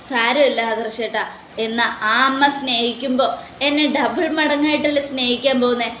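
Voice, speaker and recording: A woman voicing a gentle, devoted young woman lying in hospital, speaking softly and earnestly. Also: sits high, steady tone, normal speed, reverberant, slight background noise. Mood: tender.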